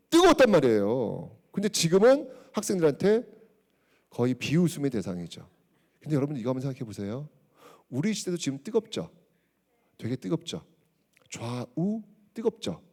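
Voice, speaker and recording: A man giving a public history lecture, telling the story in an animated way, acting out quotes and checking in with the audience. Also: sits high.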